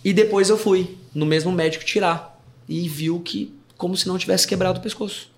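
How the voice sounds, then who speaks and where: A man with a Brazilian Portuguese accent, a worship pastor and podcast guest, telling a story in a casual, animated, slangy way and acting out the people in it. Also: high voice, brisk. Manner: animated, acts out remembered dialogue in his story; slangy, informal. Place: podcast studio.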